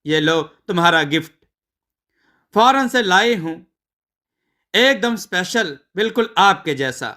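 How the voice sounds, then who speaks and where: A man's voice: sits high, animated, slow pace, pauses often, bright, forceful tone, heavily acted. A man voicing a chatty sister-in-law. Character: cheerful sister-in-law, proud of gifts.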